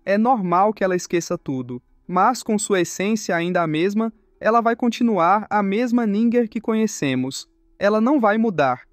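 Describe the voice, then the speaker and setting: A steady, self-assured young hero from a comic recap, read by a man. The voice is fairly high, close to the mic and dry. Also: moderate pace, no room sound, faint music behind. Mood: reassuring.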